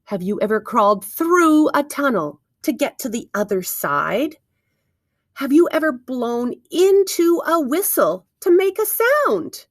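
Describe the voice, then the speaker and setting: Reading a picture book aloud to young children at a measured pace, a woman uses a fairly high voice and a very animated, teacherly delivery. She is careful and expressive, prompting her listeners with questions and wondering asides, and the recording is close and dry with no echo.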